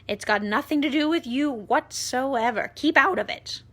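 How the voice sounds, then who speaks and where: Woman doing an excitable, greedy high-voiced aunt. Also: normal speed. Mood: scolding. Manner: exclaiming, insistent.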